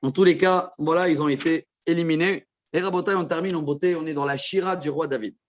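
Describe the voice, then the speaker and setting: A man teaching a Torah class as a rabbi, explaining verses with quick asides to his listeners. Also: fairly high pitch, steady tone, a little hiss or hum. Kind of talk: Torah lesson.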